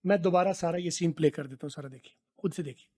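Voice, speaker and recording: A middle-aged man from Pakistan teaching spoken English, repeating phrases slowly to drill pronunciation. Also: fairly high pitch, a little mellow.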